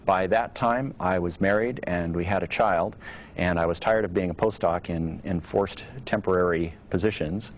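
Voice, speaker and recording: A man's voice: low voice, moderate pace, slight background noise. A man who grew up in Oregon, an astronaut, speaking with dry, wry humor in a documentary interview. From Oregon, USA. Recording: dull lo-fi recording.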